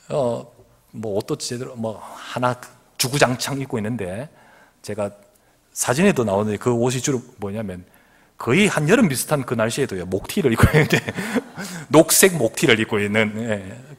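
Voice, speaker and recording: In a church sanctuary, a middle-aged pastor preaches a sermon with a medium-pitched, slightly breathy voice. He tells animated stories, laughing along and acting out other people's voices.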